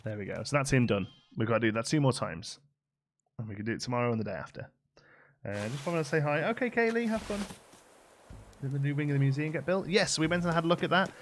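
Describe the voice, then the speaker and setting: A deep-voiced man streams a game live, chatting casually in a fast, expressive way as he thanks viewers and reads their gift notes over game music.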